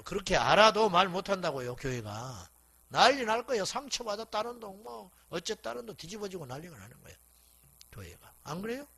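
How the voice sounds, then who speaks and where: Blunt, high-voiced scolding male pastor. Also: fairly bright tone, slightly rough. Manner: blunt, scolding preaching with rhetorical questions to the congregation. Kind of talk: revival sermon.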